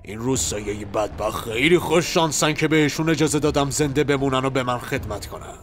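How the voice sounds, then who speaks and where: A man voicing a cruel male bandit villain who speaks slowly and menacingly, drawing out his words. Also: medium pitch, soft background music, close to an everyday voice. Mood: gloating. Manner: slow, drawn-out, menacing.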